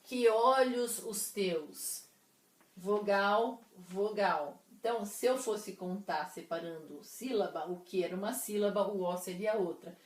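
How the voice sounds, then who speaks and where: A woman teacher explaining poetic meter to her class, counting syllables slowly and deliberately. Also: medium pitch, a little mellow. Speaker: literature teacher. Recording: echoey room.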